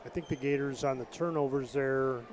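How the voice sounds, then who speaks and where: A man offers easygoing color commentary beside the play-by-play caller, speaking at an ordinary mid pitch. The steady noise of a school gym, with balls bouncing, runs beneath his voice. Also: normal speed. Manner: relaxed, conversational analysis. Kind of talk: live sports commentary.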